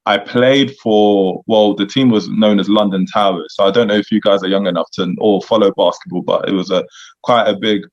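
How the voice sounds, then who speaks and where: A man mentoring young men in a relaxed chat, reflective and conversational, with lots of "you know" asides. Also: lowish voice, normal speed. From United Kingdom. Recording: dull lo-fi sound.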